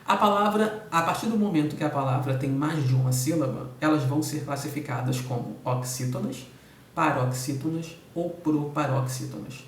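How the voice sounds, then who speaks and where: A Brazilian man teaching a recorded lesson, explaining each point in order and checking in with the class after each one. His voice sits a little high for a man. The sound is roomy and he is heard from a distance, with faint noise underneath. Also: normal speed. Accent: Brazilian Portuguese. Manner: explains step by step, keeps checking in with "tudo bem?" and "tá?". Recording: echoey room, voice off-mic.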